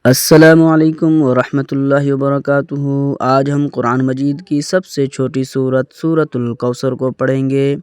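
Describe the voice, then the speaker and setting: A man's voice: mid-range voice, fairly even intonation, hardly any pauses, darkish tone, smooth, no echo, clean studio sound. A man teaching Quran recitation in an explanatory lesson, patiently repeating words and demonstrating correct pronunciation.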